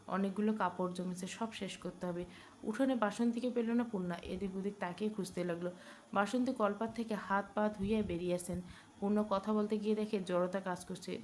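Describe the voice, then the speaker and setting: A woman reads a romance novel aloud as a steady storyteller, her voice sitting at a middle pitch. She slows and stresses her delivery when she speaks the characters' lines. A faint ambient hum runs under the recording. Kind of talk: scripted narration of a romance novel with voiced dialogue.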